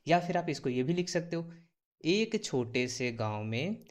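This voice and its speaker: Slow, deliberate Indian English teacher. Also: male voice, a little high. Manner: drills words slowly, repeating them with stress. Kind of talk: slow spoken English lesson.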